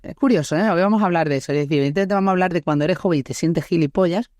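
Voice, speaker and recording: A fairly low, slightly mellow female voice races along as an Andalusian host from Málaga, in her thirties, keeps a casual podcast chat going with laughs and tag questions. The studio-quality recording has no echo.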